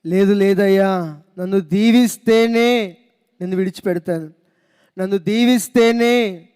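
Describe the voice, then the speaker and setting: A preacher acting out a desperate man pleading again and again for a blessing. His voice is high and echoes around a church hall. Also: unhurried, darkish tone, clear, resonant tone. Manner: pleading, repeating his plea.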